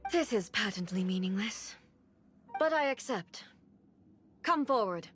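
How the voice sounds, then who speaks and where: An actress voicing a stern, imperious goddess ruler in a game cutscene, cold, formal and measured. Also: female voice, medium pitch, expressive, fairly bright tone, faint music behind.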